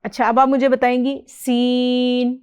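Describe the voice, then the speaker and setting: A woman's voice: a little high, darkish tone. Patient woman teaching letter sounds. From Pakistan. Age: middle-aged. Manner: patient, explanatory, models letter sounds clearly and praises. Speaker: Quran reading teacher. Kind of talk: teaching explanation and drill with a student.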